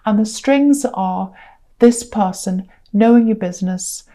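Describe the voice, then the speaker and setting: A woman giving a casual tarot reading to camera, unhurried and repetitive with many ums, tired and speaking through a sore throat. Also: mid-range voice, warm tone. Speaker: tarot reader.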